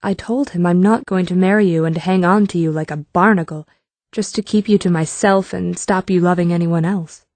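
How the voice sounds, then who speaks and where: A man's voice: high voice, steady tone, moderate pace, darkish tone, dry recording, voice pushed up. A man voicing a blunt, determined young woman warrior in an audiobook, speaking earnestly and directly. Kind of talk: audiobook character voice.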